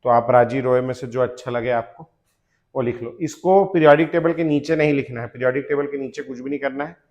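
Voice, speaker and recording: A man's voice: medium pitch, a little fast, darkish tone, highs cut off. Man chanting element names to a class. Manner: addresses students as beta, jokes about fathers. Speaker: teacher. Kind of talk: classroom lecture.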